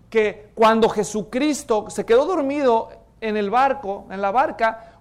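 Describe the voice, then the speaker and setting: A man preaching a sermon, retelling stories dramatically, acting out voices and dropping to quiet emphasis on his key points. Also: very high voice, clean tone.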